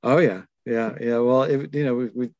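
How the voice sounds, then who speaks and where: A man's voice: medium pitch, steady tone, normal speed, a little mellow, no room sound, dull audio. A man in his seventies, talking thoughtfully and wryly in an interview, chuckling between stories. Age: 70s. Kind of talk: reflective conversational storytelling.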